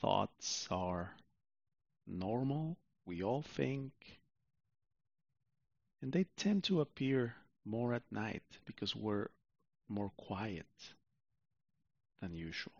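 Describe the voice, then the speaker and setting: A man narrating a guided sleep meditation like a sleep story, soothing and unhurried, with long pauses, on a muffled recording. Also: fairly low pitch, animated, creaky, a little mellow, dry recording.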